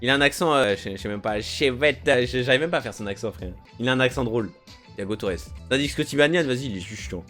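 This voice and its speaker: A young man, a video creator, chatting casually in an animated, slangy and emphatic way, often repeating himself. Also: medium pitch, fast talker, soft background music. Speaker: youtuber. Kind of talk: casual reaction chat.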